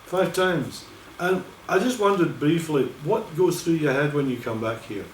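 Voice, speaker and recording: A man's voice: fairly high pitch, expressive, normal speed, slight background noise. A man interviewing a guest on a live broadcast, encouraging him along with short acknowledgements. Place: museum hall. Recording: roomy, distant live hall recording.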